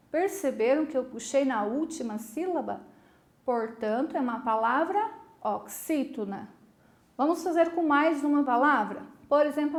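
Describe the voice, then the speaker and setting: A woman's voice: high voice, reverberant. A woman teacher giving a recorded video lesson in a patient, encouraging way, often checking that students follow. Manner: patient, encouraging, asks the class many check questions.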